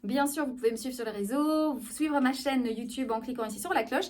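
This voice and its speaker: A woman with a somewhat high voice explains vocal registers in a video lesson. She teaches with a lively, engaged tone and often pauses to check that her listeners follow. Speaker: speech therapist.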